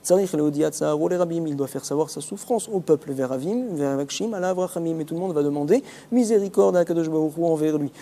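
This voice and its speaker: A man with a French accent teaching a word-by-word Talmud lesson, explaining the text quickly and mixing in Hebrew and Aramaic terms. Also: a little high, warm tone, long reverb tail.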